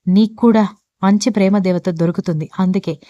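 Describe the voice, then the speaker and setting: A woman's voice: medium pitch, steady tone, moderate pace, mellow, no room sound, dull audio, natural voice. A woman voicing a playful, bossy young man in love in a storybook reading. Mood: teasing. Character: young man, teasing and scheming lover.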